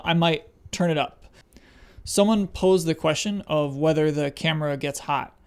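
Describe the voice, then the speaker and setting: A man giving a casual camera review, reading a test phrase over and over in a measured way, in an ordinary room with a window. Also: on the high side, creaky, clean tone.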